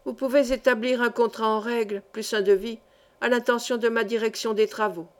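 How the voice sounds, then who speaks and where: A woman's voice: a little high, fairly even intonation, fairly quick, natural voice. A woman reading the part of an irascible, arrogant male professor who barks out orders and dismissals. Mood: curt. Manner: imperious, shouting dismissals.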